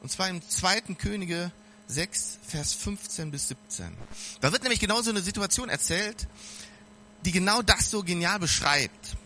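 A man's voice: high-pitched, animated, normal speed, pushed and bright, slight background noise. A man giving an informal sermon, talking straight to his listeners in a casual, earnest way. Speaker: preacher.

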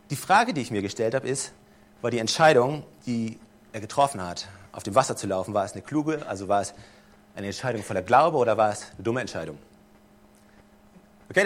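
A man's voice: medium pitch, a bit bright. A man preaching a sermon to a live congregation. He tells the story casually and keeps checking in with his listeners. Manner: conversational storytelling, checks in with the audience.

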